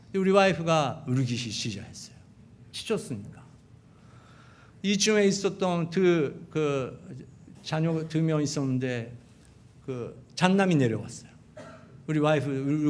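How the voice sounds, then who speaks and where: A middle-aged man with a Japanese accent, a pastor preaching a sermon in an animated storytelling manner. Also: a little high, normal speed, long pauses. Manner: animated storytelling, acting out quotes of wife and sons. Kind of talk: sermon with acted family stories.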